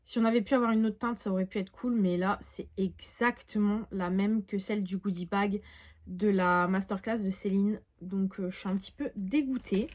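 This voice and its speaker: A woman's voice: medium pitch, fairly even intonation, normal speed, darkish tone. A woman in her late twenties giving a casual beauty haul vlog, chatty with frequent filler sounds as she shows products. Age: 20s. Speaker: beauty vlogger.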